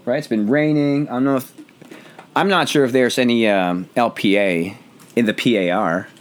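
A hoarse man hosting a casual podcast from home, joking and rambling in a self-deprecating way. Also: mid-range voice, steady tone, normal speed. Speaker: podcast host. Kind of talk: casual chat.

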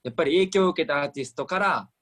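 A man's voice: a little high, very fast, a bit bright. A young man with a Kansai accent, hosting a casual band radio chat, leading the talk with questions and enthusiasm. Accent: Kansai Japanese. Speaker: radio show MC.

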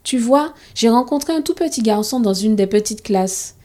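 A woman's voice: on the high side, expressive, normal speed, warm tone, lightly acted. A woman voicing a young schoolboy who is kind and earnest, in a storybook reading.

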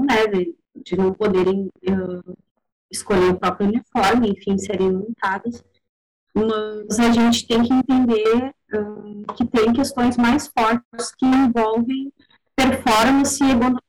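A woman, speaking as a panelist in a casual discussion, measured and thoughtful with frequent hesitations. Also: mid-range voice, low-quality recording.

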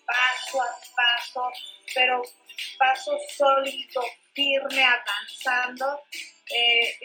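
Mexican woman, high bright voice, slow deliberate chat, soft music under. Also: rough recording. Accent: Mexican Spanish. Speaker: co-host. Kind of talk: casual chat over coffee.

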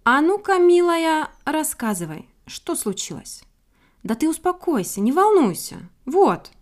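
Woman doing kind old guard dog, folksy, soothing, brave, fairly high voice, storybook. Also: big pitch swings, a little slow. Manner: soothing, good-natured, folksy. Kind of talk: storybook reading.

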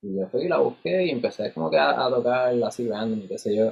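A man with a husky voice tells stories casually in Spanglish, switching between Spanish and English and acting out dialogue. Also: mid-range voice, fast talker, highs cut off. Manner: animated filler-heavy storytelling with re-enacted dialogue. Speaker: musician in a band.

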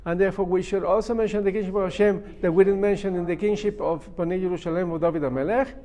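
A man's voice: sits high, fairly even intonation, fast, mellow. A man gives a religious lesson. He speaks as a rabbi to his students, reading a phrase, translating it and repeating key points with emphasis. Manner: emphatic, repeats and explains step by step. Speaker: rabbi teaching a Talmud class.

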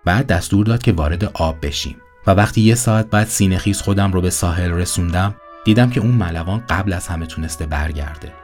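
A man narrating a motivational story in a calm, earnest voice-over. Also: low-pitched, hardly any pauses, faint music behind.

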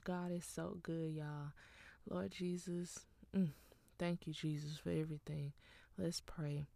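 A woman giving a casual devotional talk, earnest and encouraging, often dropping into a soft whisper. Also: deep voice, little pitch movement, a little slow, vocal fry, no echo. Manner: earnest, encouraging, with small laughs.

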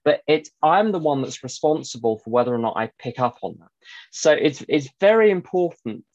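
A man's voice: fairly high pitch, animated, moderate pace, darkish tone, no room sound. A man giving an informal, digressive teaching talk as a recovery sponsor, with wry asides. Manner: chatty, digressive, with wry asides and quoted voices. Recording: dull dry recording.

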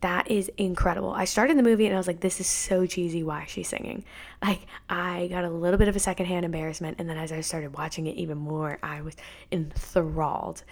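A young woman in her twenties hosts a casual solo podcast, talking candidly and a little rambly. Her voice sits slightly low colours her words. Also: steady tone, fast talker. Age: 20s. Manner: chatty, rambling, candid, many "like" fillers. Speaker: podcast host.

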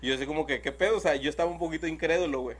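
A man's voice: a little high, fairly even intonation, very fast, slightly rough. A young man with a Mexican accent telling a long story in casual chat, rambling and full of slang filler words. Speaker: podcast host.

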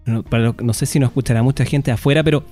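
A man's voice: mid-range voice, steady tone, rapid-fire, mellow. Chilean man, co-host, playful banter, faint music behind. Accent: Chilean Spanish. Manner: playful, short interjections. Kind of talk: casual radio chat.

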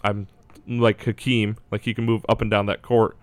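A man's voice: fairly low pitch, level tone, normal speed, dry recording. A man talking casually as a basketball draft analyst, hedging and thinking aloud as he goes. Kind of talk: casual sports discussion.

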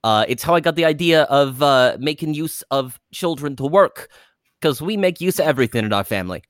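A man's voice: on the high side, expressive, brisk, dry recording, studio quality. A man in his thirties, guest in an improvised comedy interview, who stammers and rambles in a flustered way. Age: 30s.

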